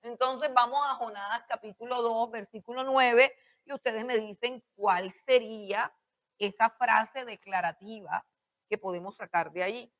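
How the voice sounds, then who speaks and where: A woman's voice: on the high side, a little slow, fairly bright tone. A woman teaching a Bible school class on preaching, repeating her points and questioning her students.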